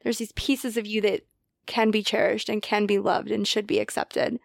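A woman's voice: mid-range voice, flat delivery, normal speed, creaky, no echo, studio quality. A woman hosting a podcast interview who talks in a reflective, affirming way and often murmurs agreement. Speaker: podcast host.

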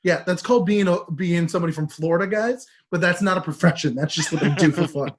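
A man's voice: high voice, fast. A man co-hosting a podcast in casual comedic banter, opinionated and teasing. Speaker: podcast co-host.

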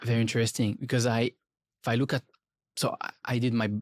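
A man's voice: medium pitch, flat delivery, fairly quick, no echo, studio quality. A man hosting a podcast interview, talking eagerly and speeding up in bursts when he retells a story. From Switzerland. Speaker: podcast host. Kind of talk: interview conversation. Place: podcast studio.

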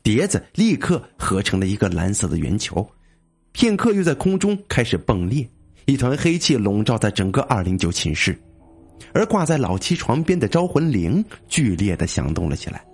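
A man telling a comic ghost story with lively, dramatic delivery. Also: on the low side, moderate pace, gravelly, husky, faint music behind.

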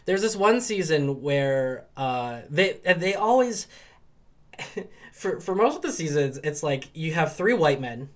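A man's voice: fairly high pitch, animated, slow pace. A man co-hosting a podcast as a professor, in rambling casual chat full of ums and restarts.

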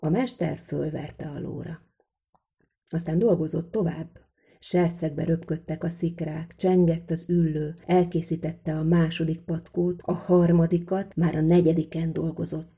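A woman's voice: low-pitched, steady tone, mellow, husky. A woman reading a folk tale aloud in a vivid, rhythmic storytelling manner.

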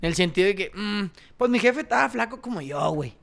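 Un hombre con acento mexicano que platica de manera informal y cuenta anécdotas con mucha jerga callejera, repitiendo frases. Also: male voice, sits high, animated, quick pace, creaky, a bit bright. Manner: slangy northern-Mexican street talk, repeats phrases. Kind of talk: casual chat with slangy storytelling.

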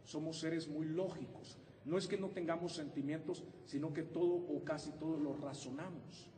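A man preaching a sermon as pastor in a church, animated and humorous. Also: a little high, moderate pace, far from the mic, a little hiss or hum. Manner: animated and humorous, acting out husband-wife exchanges. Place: church sanctuary. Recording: echoey hall, preacher away from the mic.

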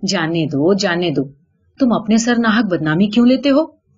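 A woman's voice: mid-range voice, expressive, a little mellow, breathy edge, lo-fi sound. A woman voicing a vain, coy female jackal who complains indignantly and pleads with her husband in a told folk tale. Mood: indignant pleading.

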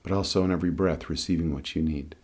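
Very deep-voiced man guiding meditation, husky. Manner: calm, soothing, unhurried instruction. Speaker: guided meditation and breathing teacher. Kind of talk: guided meditation.

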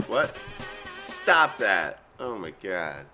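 A man's voice: low voice, very animated, very slow, over music. A man co-hosting a podcast over a call, casual and flustered while sharing his screen. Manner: flustered, swears and laughs while fiddling with screen share. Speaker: podcast co-host. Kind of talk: casual chat.

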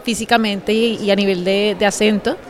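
A woman from Bogotá with a Colombian accent, an actress speaking reflectively in a measured way, often ending thoughts with a questioning tag. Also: medium pitch, steady tone. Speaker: actress and guest. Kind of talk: reflective conversation.

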